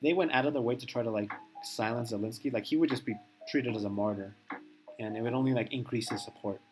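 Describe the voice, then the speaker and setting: Male streamer, mid-pitched, quick and rambling, opinionated reaction chat over music. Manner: rambling, filler-heavy, opinionated.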